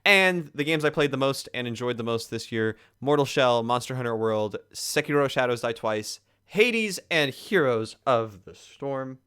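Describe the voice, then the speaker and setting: Smooth-voiced man co-hosting a casual podcast. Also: mid-range voice, animated, normal speed, hardly any pauses, fairly bright tone. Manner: laughs often, earnest sign-off. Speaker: podcast co-host.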